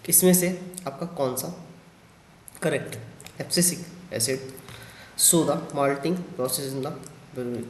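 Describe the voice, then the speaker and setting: A man's voice: on the high side, a little hiss or hum. Hindi-speaking man teaching biology, echoey room. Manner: addresses students as "beta", frequent "thik hai" and "hai na" check-ins. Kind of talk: exam question walkthrough lecture.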